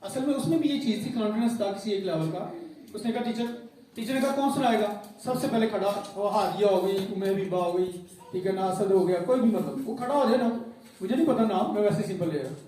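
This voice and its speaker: A man's voice: sits high, fairly quick, dark tone. A man with a Pakistani Urdu accent, leading an interactive parenting workshop and asking the audience questions. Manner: conversational, asks the audience questions. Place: school hall with an audience. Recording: echoey hall from far off.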